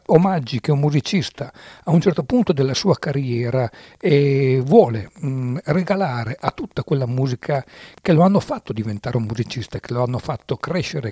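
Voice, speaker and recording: Warm-voiced man hosting a radio music show. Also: mid-range voice, no room sound, studio quality. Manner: meandering, searching for words, self-correcting; earnest, affectionate about songs. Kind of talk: unscripted radio music commentary.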